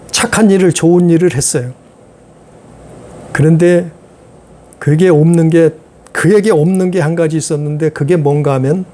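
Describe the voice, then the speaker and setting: A man's voice: a little high, dark tone. A male pastor preaching a sermon, repeating phrases and asking the congregation rhetorical questions.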